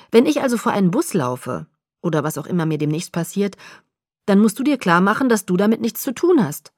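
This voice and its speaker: A woman's voice: medium pitch, a little mellow, dry recording, studio quality. A woman voicing an earnest young woman in an audiobook, speaking urgently and insistently. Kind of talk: audiobook reading.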